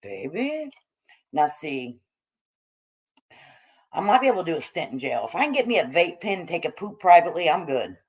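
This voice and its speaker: A middle-aged or older American woman raised among hippies hosts a casual livestream, reading and answering chat with salty, slangy, irreverent joking commentary. Her voice sits on the slightly low side, darkish and slightly rough. She is very animated at a normal speed and pauses often.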